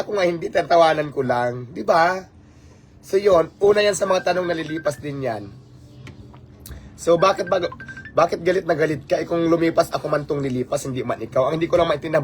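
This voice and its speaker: A man hosting a casual livestream, talking animatedly and rhetorically, mixing in English phrases. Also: fairly high pitch. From Philippines. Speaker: livestream host.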